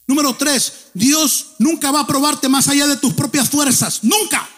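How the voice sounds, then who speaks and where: A middle-aged male pastor, preaching a lively sermon and joking as he urges the congregation on. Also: very high-pitched, normal speed, over music. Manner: animated, joking, exhorting the congregation. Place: church hall. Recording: long church hall reverb.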